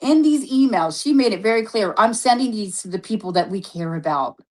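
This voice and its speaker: A woman's voice: medium pitch, lively intonation, brisk. A woman with a mid-range voice argues her case on a live stream. She is confrontational and swears, hammering points home by repeating her words. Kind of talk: heated argument on a live stream.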